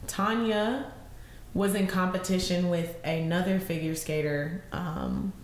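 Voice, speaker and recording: A woman's voice: fairly low pitch, sing-song, measured pace. American woman telling countdown stories, echoey room. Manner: colloquial slangy storytelling with swearing. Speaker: co-host counting down a list of scandals. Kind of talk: casual comedic chat, top ten countdown storytelling. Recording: roomy echo, faint background noise.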